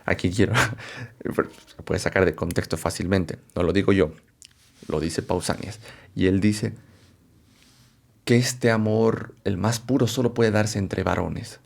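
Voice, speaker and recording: Man, deep low voice, gravelly, lecturing on philosophy, rhetorical questions, self-correcting. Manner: unhurried, often checks in with rhetorical tag questions; self-correcting, thinks aloud. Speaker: philosophy presenter. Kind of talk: explanatory lecture to camera.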